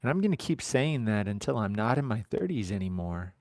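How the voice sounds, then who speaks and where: A man's voice: fairly low pitch, big pitch swings, brisk, darkish tone, no echo. Rambling, joking man in his thirties. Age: 30s. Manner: rambling, joking asides to viewers. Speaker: livestream host. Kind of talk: casual live-stream chat.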